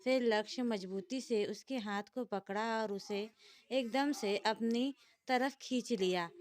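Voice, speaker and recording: Storyteller, woman, steady scripted narration, slightly high pitch. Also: a little slow.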